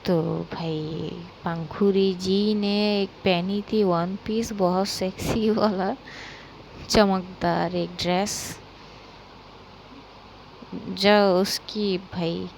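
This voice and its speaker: Young woman storyteller, unhurried casual narration, gravelly, fillers throughout. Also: mid-range voice, a little hiss or hum, rough recording. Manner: relaxed, chatty, with frequent fillers.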